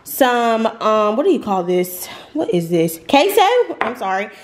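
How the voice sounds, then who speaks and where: In her home kitchen, a young woman in her twenties rambles and laughs through a grocery haul vlog, recorded on a camera sitting on the counter. Her voice is on the high side, swinging widely in pitch at a measured pace.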